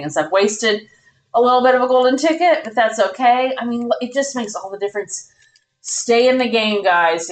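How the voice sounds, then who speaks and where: A woman commentating her own live game stream in a bubbly, excitable way, squealing when she wins. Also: mid-range voice.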